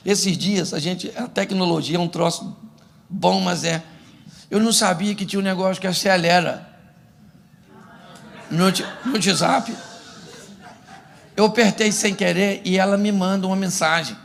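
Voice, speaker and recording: A man's voice: sits high, steady tone, unhurried, gravelly, pauses often. A man from Brazil, a pastor giving a humorous sermon, telling stories and acting out couples' quarrels in a church. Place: church before a laughing congregation.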